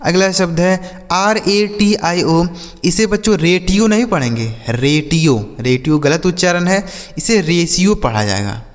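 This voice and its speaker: Man, somewhat high voice, spells letters, repeats slowly, echo trailing off. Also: lively intonation. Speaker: English teacher. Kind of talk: vocabulary lesson for children.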